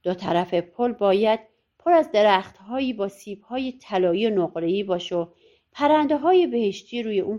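A woman voicing a proud, short-tempered old king in a storybook audiobook, speaking slowly and scornfully. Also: mid-range voice, darkish tone, pitched below the performer's own voice.

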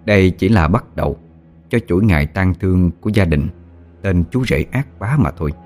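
A man reading a ghost story aloud in a slow, somber way. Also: sits low, animated. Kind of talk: scripted horror story narration. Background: soft music with singing bowl.

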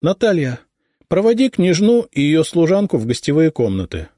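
Guy doing a bossy high-voiced noble mom, scolding, dry close audio. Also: sing-song, normal speed, mellow, no room sound. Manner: reproachful, imperious. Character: stern high-born mother, sharp and scolding.

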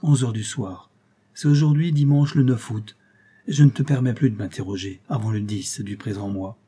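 A man's voice: mid-range voice, normal speed, dark tone, husky, lightly acted. A man reading the part of an older male professor, stern but fatherly, speaking in a firm, commanding way.

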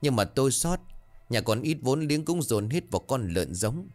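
A man's voice: mid-range voice, sing-song, normal speed, darkish tone, voice pushed up, lightly acted. A man voicing an older village wife who wails and scolds over her losses in a ghost story. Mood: wailing anger. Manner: wailing, scolding. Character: shrill grasping old village wife.

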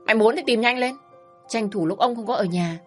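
A woman voicing a loud, bossy, nagging middle-aged mother who scolds her grown daughter coarsely. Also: fairly high pitch, a little fast, soft background music, voice pushed up. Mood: scolding.

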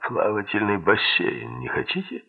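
A smug expedition leader giving orders in short, curt phrases, voiced by a male audiobook reader in a low, husky voice. It sounds thin and tinny, like a lo-fi recording. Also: very animated, unhurried, exaggerated voice. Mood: mocking. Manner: curt, mocking.

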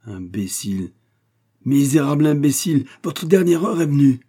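A man voicing a stern, quick-tempered male police inspector who speaks severely and commandingly. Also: lowish voice, warm tone, lightly acted. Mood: furious. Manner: severe, commanding, then explosive.

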